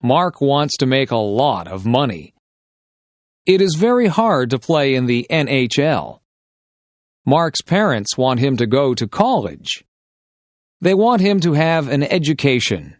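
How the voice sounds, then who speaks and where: A man reading short, simple sentences as dictation for English learners, enunciating each one carefully and deliberately. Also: medium pitch, very animated, no echo, clean studio sound.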